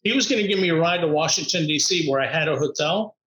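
A man with a fairly high voice tells his story in an upbeat, animated way and laughs often. He speaks as a guest in conversation. The room sounds echoey. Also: fast talker. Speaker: podcast guest, motivational speaker.

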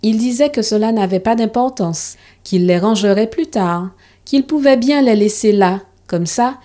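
A woman reads a children's story aloud, calm and measured. Her voice is mellow and dark, at a moderate pitch.

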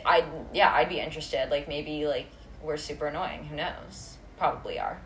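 A woman's voice: sits low, normal speed. A young woman co-hosting a casual podcast, chatty and packing her talk with "like". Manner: chatty, constant "like" fillers. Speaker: podcast co-host. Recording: roomy room, faint noise.

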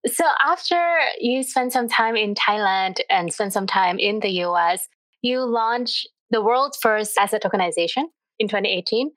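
A woman's voice: medium pitch, normal speed, a bit bright, dry recording. Woman co-host, dry close sound. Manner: friendly, laughs often, asks questions. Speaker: podcast co-host. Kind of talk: interview hosting.

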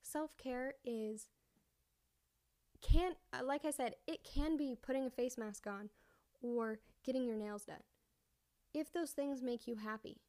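With a high-sitting, dark-toned voice, a young woman hosts a casual podcast on her own. She speaks a little slowly with long pauses, rambling conversationally, correcting herself, and sounding slightly out of breath.

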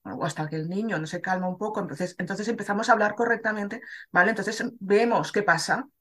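Explaining woman guest, mid pitch. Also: a little fast, bright, forceful tone. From Spain. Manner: explanatory, checks in often with "¿vale?". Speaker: dog trainer, guest. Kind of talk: casual chat.

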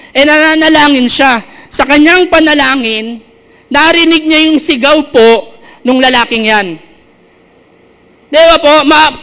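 A man's voice: very high-pitched, bright, forceful tone, smooth. A man preaching a sermon to a congregation, stretching key words and often asking the listeners questions. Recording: reverberant hall.

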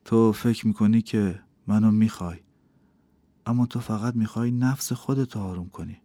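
Stern cold mystic guy, low voice, scolding, as a male reader puts him on. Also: warm tone, dry recording, natural voice. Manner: cold, reproachful. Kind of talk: audiobook character voice.

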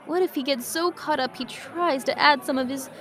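A woman's voice: high voice, normal speed, a crowd in the background, pitched above the performer's own voice, lightly acted. Priscilla, a woman doing a cheery circus animal. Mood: worried. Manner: bright, chatty, fretful.

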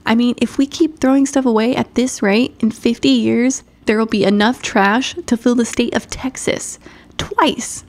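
A woman voicing an earnest teen girl who is keen on saving the earth, in a lively, slightly raised voice. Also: on the high side, moderate pace, voice pushed up, lightly acted. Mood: eager.

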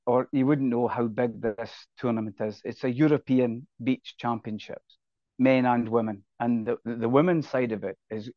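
A man's voice: mid-range voice, no room sound. An older man with a Scottish accent, chatting casually and anecdotally as a guest in an interview. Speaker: podcast guest, rugby referee. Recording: dull, lo-fi, dry sound.

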